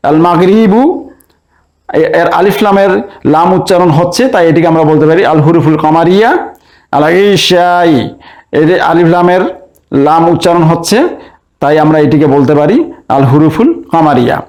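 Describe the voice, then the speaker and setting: A man's voice: on the high side, a little mellow. A man teaching a recorded language lesson, going through each example methodically and repeating the same explanation, with some hesitations. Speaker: Arabic teacher.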